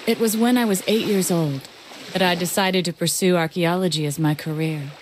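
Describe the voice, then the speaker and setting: An actress playing a reserved, cold, quiet female archaeologist in an anime dub, calm and measured. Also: fairly low pitch, slight background noise, natural voice.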